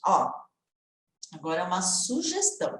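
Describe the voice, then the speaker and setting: A woman's voice: on the low side, sing-song, moderate pace, fairly bright tone, roomy sound, a little hiss or hum. A woman from Brazil teaching an English lesson online in Portuguese, chatty and encouraging, often checking in with her students.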